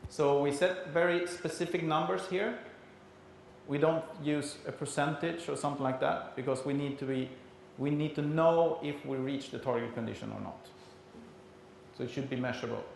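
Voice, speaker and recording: A man with a Swedish accent gives a conference talk in a fairly high voice. His delivery is halting and explanatory, and the room is very reverberant, with a faint layer of noise. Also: vocal fry. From Sweden. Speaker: conference speaker. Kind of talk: conference presentation.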